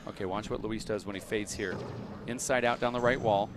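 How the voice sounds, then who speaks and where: A lowish male voice calls the action with chatty, upbeat banter. A noisy live broadcast carries the crowd's murmur beneath him. He sounds like a play-by-play man at a handball court. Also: steady tone, fairly quick. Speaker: play-by-play commentator. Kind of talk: live sports commentary.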